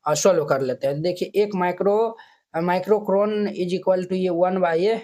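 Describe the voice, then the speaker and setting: A man's voice: high voice, fairly even intonation, slow pace, mellow. A male math teacher talks through textbook exercises, counting digits aloud one by one and checking that students follow. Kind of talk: classroom math tutorial.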